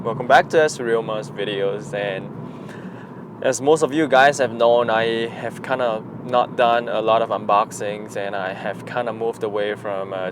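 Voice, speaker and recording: A man's voice: lowish voice, background noise. A man, chatting unscripted in a vlog from his moving car, rambling with many fillers and restarts. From Singapore. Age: 30s. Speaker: vlogger. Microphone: action camera mounted in car.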